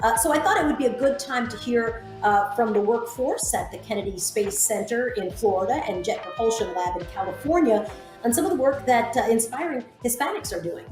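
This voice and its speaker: A woman interviewer leading a conversation in a thoughtful, slightly halting way. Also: on the high side, expressive, echoey room, over music, rough recording.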